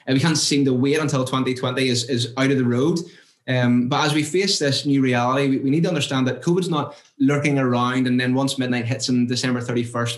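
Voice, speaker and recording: A man hosting, giving an earnest reflective talk that quotes scripture, with "uh" fillers. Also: mid-range voice. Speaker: host. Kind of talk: reflective devotional talk and interview. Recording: echoey room.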